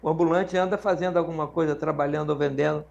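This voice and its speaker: A Brazilian man with a notably high voice leads a live classroom lesson. He drills his students patiently with questions and slows down to sound out each word for them to repeat. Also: fairly even intonation, gravelly, darkish tone, lo-fi sound. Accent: Brazilian Portuguese. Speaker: Latin teacher.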